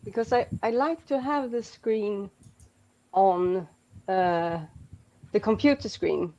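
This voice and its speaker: A Swedish guest chats casually in English, her second language, sounding hesitant, restarting often and using lots of fillers. Her voice is mid-range and mellow, she speaks slowly, and the recording is muffled.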